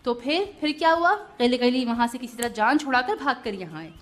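A woman's voice: a little high, expressive, a little fast, fairly bright tone. A woman hosting a children's show, chatting to the kids and a puppet companion. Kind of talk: talking to children.

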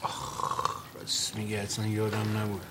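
A man's voice: fairly low pitch, completely flat delivery, sharp tone, slight background noise. An actor playing a streetwise, scheming man who haggles and teases his brother in a sitcom. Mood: haggling, cocky. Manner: bargaining, teasing, bossy. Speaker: wheeling-dealing brother. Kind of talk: sitcom acting.

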